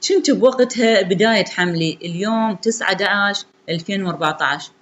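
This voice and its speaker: A woman's voice: mid-range voice, fast, fairly bright tone, a little hiss or hum. A woman with an Iraqi accent telling a sorrowful story in the first person, in an intimate way.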